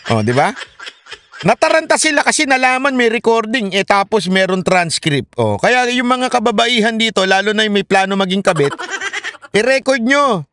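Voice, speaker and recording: Bawdy Filipino comedian with a high voice. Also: male voice, sing-song, fairly quick, sharp tone. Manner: bawdy, laughing, talks straight to the women in the crowd. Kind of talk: stand-up comedy monologue.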